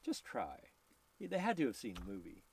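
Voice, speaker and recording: A man's voice: on the low side, wildly swooping pitch, normal speed, gravelly, husky. Rambling male live stream host. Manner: rambling, laughs often, reads viewer questions aloud. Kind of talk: casual live stream chat.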